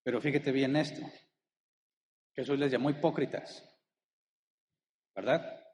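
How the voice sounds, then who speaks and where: A man's voice: mid-range voice, fairly even intonation, unhurried, a little mellow, slight background noise. Man preaching a sermon in a reverberant hall. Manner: asks the congregation rhetorical questions. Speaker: pastor. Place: church hall.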